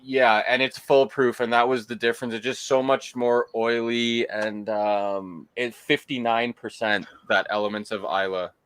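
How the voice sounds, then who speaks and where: A man's voice: medium pitch, steady tone, moderate pace, hardly any pauses, a bit bright, clear, resonant tone. A man hosting a casual whiskey-tasting livestream chat, rambling with lots of fillers and restarts.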